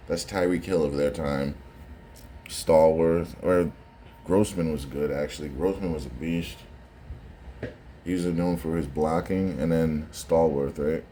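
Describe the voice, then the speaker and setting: A man's voice: a bass voice, mellow, slight background noise. A man giving casual, conversational reaction commentary on sports footage, often repeating phrases for emphasis.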